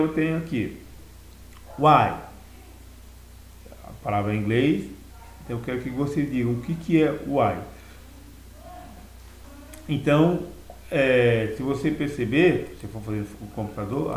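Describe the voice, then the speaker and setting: A man giving a recorded language lesson, explaining vocabulary slowly and repeating words in two languages. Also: mid-range voice, echoey room, rough recording. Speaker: English teacher.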